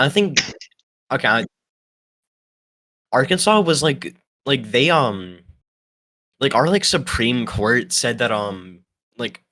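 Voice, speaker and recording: A man's voice: medium pitch, pushed and bright, poor audio. A young man, co-hosting a podcast in a rambling, hesitant way, tired from no sleep. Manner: rambling, hesitant, lots of fillers and restarts. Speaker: podcast co-host. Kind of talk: casual chat.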